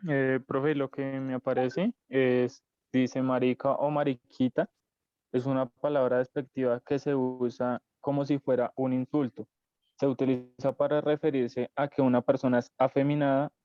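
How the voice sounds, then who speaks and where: Man reading out a definition, monotone, smooth clear voice. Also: medium pitch, no echo, dull audio. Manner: steady, matter-of-fact reading. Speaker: student.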